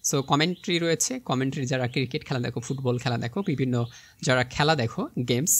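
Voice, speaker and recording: A young man with a Bangladeshi Bengali accent and a medium-pitched, slightly breathy voice teaches an exam vocabulary lesson. He spells words out step by step and checks in with his students often.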